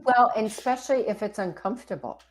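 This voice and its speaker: A woman's voice: on the high side, lively intonation, quick pace. A woman co-hosting an inspirational talk show, upbeat and chatty, often talking to the viewers directly. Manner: upbeat, laughing, addresses viewers as folks. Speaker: co-host. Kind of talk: casual talk-show chat.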